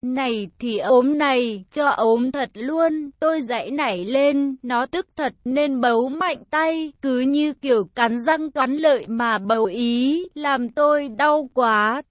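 High-voiced woman reading a story. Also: dry recording. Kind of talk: first-person story reading.

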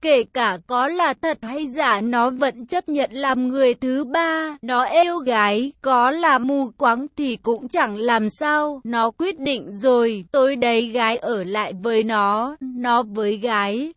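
Female narrator for an audio romance story: high, light voice, slow and soft delivery, close and dry sound. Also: dry recording. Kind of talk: reading a romance story aloud.

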